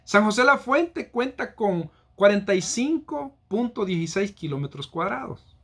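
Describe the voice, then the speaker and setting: A man's voice: sits high, expressive, normal speed, a bit bright. A man from El Salvador, explaining things in a casual, teacherly way with examples and frequent hesitations. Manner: teacherly, walks through examples, frequent "eh" fillers. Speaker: local history presenter.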